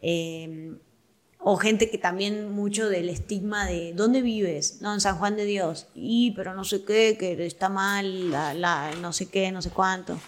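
A young comedic actress with an Argentine accent guests on a podcast, telling stories animatedly and acting out quoted dialogue in casual interview chat. Her voice is mid-range and she takes her time.

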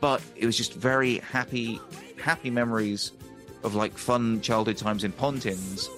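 Male guest, mid-pitch, relaxed rambling anecdotes, quick to laugh. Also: soft background music. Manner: rambling, chatty, laughs often. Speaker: guest musician and ukulele teacher. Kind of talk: casual storytelling.

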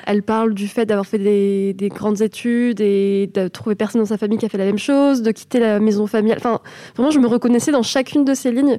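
A woman's voice: mid-range voice, steady tone, fast talker, dark tone, no room sound. A French woman co-hosting a podcast, chatting casually and enthusiastically with frequent hesitations. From France. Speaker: podcast co-host.

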